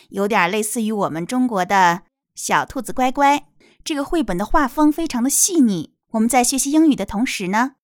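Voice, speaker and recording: A woman teaching small children a nursery rhyme in a gentle, clear way. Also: on the high side, no echo, clean studio sound.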